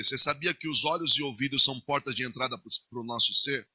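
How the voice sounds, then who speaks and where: A male pastor with a Brazilian Portuguese accent preaching a sermon, swinging between loud declarations and hushed asides. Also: mid-range voice, dry recording.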